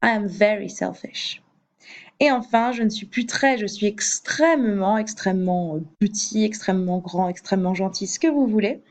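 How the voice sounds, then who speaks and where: A woman's voice: medium pitch, normal speed, hardly any pauses, a little mellow. A woman teaching an English grammar lesson in French, patient, with fillers and hesitations, repeating each example twice.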